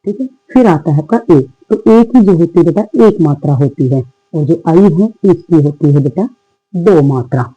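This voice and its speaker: Patient woman teacher, mellow dry voice. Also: deep voice, lively intonation, moderate pace, slightly rough, no echo, dull audio. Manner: patient, calls pupils "beta", asks and answers her own questions; often says "theek hai" between points. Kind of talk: online Hindi lesson for young children.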